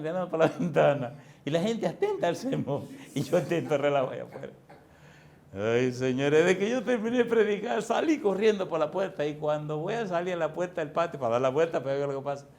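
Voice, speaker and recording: A man's voice: on the high side, a little mellow, a little hiss or hum. A Dominican pastor preaching a sermon, telling a folksy story and chuckling at his own anecdotes.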